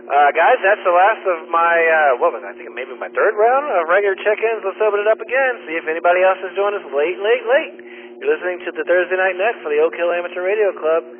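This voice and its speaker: A man's voice: sits high, animated, fast. A man hosting an amateur radio net as net control, chatting in a friendly, teasing way with many fillers, heard over a ham radio transmission. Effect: ham radio transmission with static. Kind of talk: casual radio chat. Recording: tinny radio with loud static.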